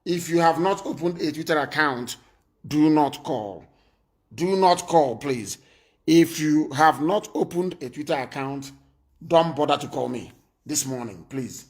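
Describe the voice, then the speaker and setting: A man's voice: on the high side, a little slow. A man hosting a live call-in talk show who talks in a commanding way, repeats his points and scolds his callers. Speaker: live stream host taking calls.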